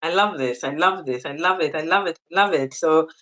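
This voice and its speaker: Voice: mid-range voice, fairly quick, poor audio. A podcast host from Zambia, interviewing guests and repeating praise. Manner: warm, effusive, repeats praise.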